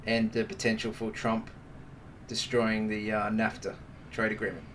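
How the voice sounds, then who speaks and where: A man's voice: on the low side, monotone, moderate pace, fairly bright tone, recorded from a distance, a little hiss or hum. A man hosting a trading live stream, giving casual, joking market commentary and calling viewers "mate". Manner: chatty and joking, talks to the viewers as mates.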